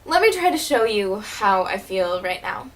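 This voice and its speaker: A woman playing a wounded, wry teenage girl who was once a child stage performer, delivering a dramatic monologue in a bitter, halting way. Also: mid-range voice, very animated, close to an everyday voice, low-quality recording. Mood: hurt, bitter. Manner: bitter, hurt, halting with repeated words.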